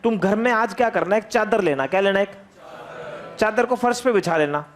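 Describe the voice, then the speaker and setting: A man with a high-pitched voice teaches physics in a classroom. He repeats each key point several times and keeps firing questions at his students. He calls on them by name to make them answer. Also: normal speed. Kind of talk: energetic classroom lecture.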